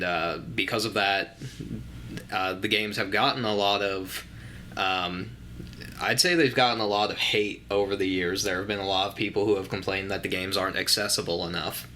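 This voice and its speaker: Bright-toned, lower-voiced young male co-host. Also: slight background noise. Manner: easygoing, explains at length with fillers. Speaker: podcast co-host. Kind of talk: casual podcast chat.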